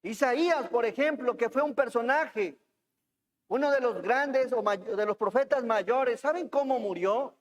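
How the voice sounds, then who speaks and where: A man's voice: very high voice, unhurried. A man preaching a sermon, reading scripture and asking the congregation questions. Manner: asks the congregation questions, reads scripture aloud. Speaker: pastor. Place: church hall. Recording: long hall reverb in church.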